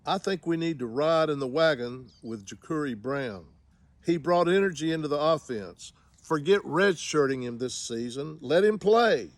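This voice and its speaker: A man's voice: on the high side, expressive, moderate pace, dry recording. A man giving a casual spoken review of a football game, with wry, sarcastic humor.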